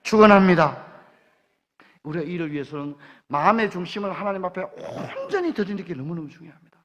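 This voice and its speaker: Male revival preacher, Gyeongsang accent, high voice, fervent exclamations, long church hall reverb. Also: sing-song, fast, dull audio. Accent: Gyeongsang Korean. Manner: fervent, rising to loud exclamations. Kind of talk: revival sermon. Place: church sanctuary.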